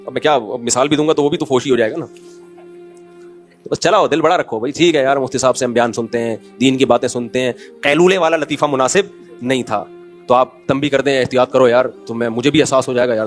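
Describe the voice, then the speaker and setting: A middle-aged man giving an informal religious talk, conversational and scolding, acting out the voices of people in his stories. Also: fairly high pitch. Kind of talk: informal sermon with anecdotes.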